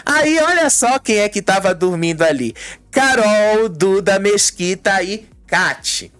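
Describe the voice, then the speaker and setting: A woman's voice: medium pitch, expressive, a bit bright. Gossipy Brazilian woman recapping a fight. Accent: Brazilian Portuguese. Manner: fast, gossipy retelling. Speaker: reality show commentator. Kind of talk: casual commentary recap.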